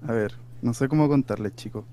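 A young man with a Chilean accent co-hosting a podcast, rambling and halting, playfully insistent. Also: mid-range voice, mellow. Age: young adult. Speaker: podcast co-host. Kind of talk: casual comedic chat.

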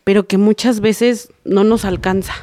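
A woman's voice: medium pitch, steady tone, a little slow, natural voice. A woman as a stern, patient Mexican mom. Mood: explaining. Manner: scolding, then gently explaining. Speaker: mother explaining a parable.

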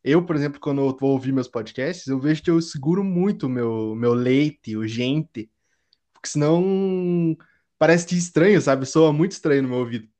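This is a young woman from Curitiba, Paraná, Brazil, whose low, mellow voice moves at a moderate pace. She talks casually with a southern Brazilian Portuguese accent, slangy and full of little stories.

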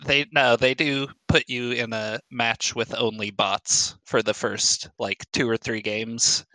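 A young man with a bright, clear voice talking loosely about games with friends. He wanders through his thoughts and often restarts mid-sentence. The recording is close and dry. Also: medium pitch, slow pace, dry recording, low-quality recording. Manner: relaxed, rambling with frequent restarts. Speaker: podcast co-host. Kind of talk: casual chat.

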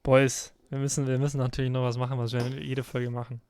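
A young man hosting a casual podcast chat with friends over an online call, teasing and animated, laughing often. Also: mid-range voice, quick pace, clear, resonant tone, no echo. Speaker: podcast host.

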